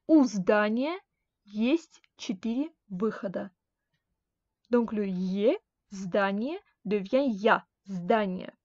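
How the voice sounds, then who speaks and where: A woman teaching a grammar lesson, speaking slowly and carefully and repeating each example word. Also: on the high side, a little mellow, dry recording. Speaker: Russian language teacher. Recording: dull dry lo-fi sound.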